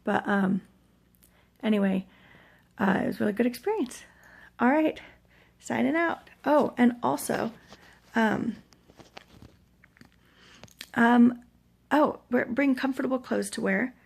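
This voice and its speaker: An American woman in middle age with a husky, breathy, gravelly voice, weak and achy after surgery, rambling hesitantly in a casual personal vlog. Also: a little high, takes it slowly, pauses often. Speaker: vlogger sharing surgery recovery. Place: hotel room.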